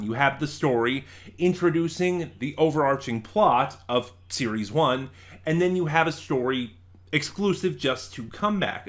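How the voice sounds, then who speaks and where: With a medium-pitched, slightly bright voice, an American-accented host from Nevada offers casual ranking commentary on his review channel. He's opinionated, informal and emphatic.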